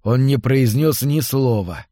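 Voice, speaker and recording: A man narrating a novel as an audiobook, in a measured, even reading. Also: medium pitch, no echo, clean studio sound. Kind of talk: scripted literary narration.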